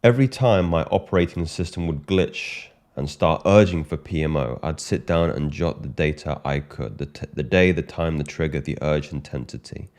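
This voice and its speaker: A British man speaking as a coach in a monologue, measured and emphatic, often repeating his key phrases. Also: rumbling low, darkish tone. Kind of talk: monologue to camera.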